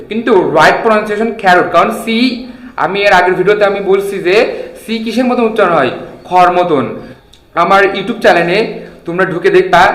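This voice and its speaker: A man's voice: high voice, reverberant, low-quality recording. A young man teaching an English lesson at a board. He keeps quizzing his students with repeated questions. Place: classroom with a board.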